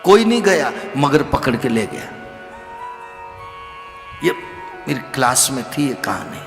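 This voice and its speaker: A man giving an animated devotional scripture discourse as a religious storyteller, sometimes rising to loud exclamations. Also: mid-range voice, takes it slowly, roomy sound, long reverb tail, music in the background. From Rajasthan, India.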